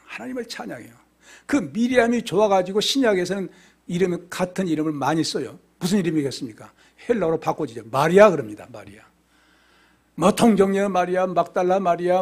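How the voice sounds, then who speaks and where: A middle-aged man preaching with a fairly high, husky voice that rises and falls widely. He poses questions and answers them himself, going from loud exclamations down to near-whispers. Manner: swings between loud exclamations and quiet drops. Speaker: pastor. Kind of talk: expository sermon.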